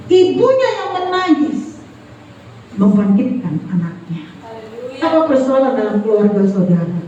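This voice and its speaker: A woman preaches with fervour, her high voice sweeping through a big, echoey church hall. She sounds a little far from the microphone, and the recording is dull and muffled, with faint noise underneath. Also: very animated, measured pace, mellow. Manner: emphatic, calls out to the congregation. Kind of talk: sermon.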